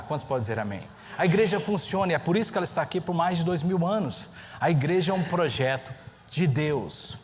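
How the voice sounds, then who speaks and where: A man preaching a sermon as pastor, telling a story with lively pacing and acting out the people he quotes. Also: fairly high pitch. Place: church sanctuary. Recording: long church reverb, faint ambient noise.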